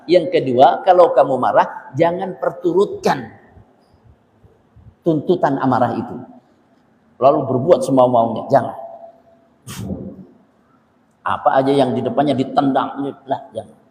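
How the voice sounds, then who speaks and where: A man's voice: fairly high pitch, lively intonation, unhurried, pauses often, dark tone, echoey room, in a large hall, poor audio. A man preaching a religious lecture in a conversational way, repeating phrases for emphasis and asking his listeners questions. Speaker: Islamic preacher.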